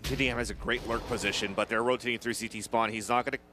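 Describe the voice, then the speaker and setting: A man from France with a French accent, a native French speaker, calling a live video game match and building excitement on key plays. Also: mid-range voice, fast, slight background noise. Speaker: esports play-by-play commentator.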